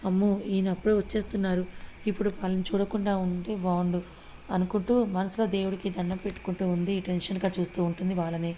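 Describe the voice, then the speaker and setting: A woman narrating a romance audio story, reading out each character's words herself in the same steady storyteller voice. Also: mid-range voice, quick pace, a little hiss or hum. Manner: reads all parts in one even voice, quoting each character.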